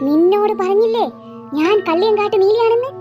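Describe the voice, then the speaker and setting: A vengeful female ghost from a cartoon, played by a woman, drawling her threats slowly. Her voice sits very high, pulled down a little to sound sinister. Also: lo-fi sound, music in the background. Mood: menacing. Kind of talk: cartoon voice acting.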